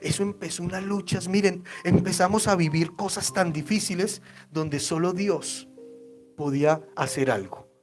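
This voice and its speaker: A man with a Colombian Spanish accent preaching a sermon as pastor, passionate and then dropping to hushed tones. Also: high voice, normal speed, soft background music.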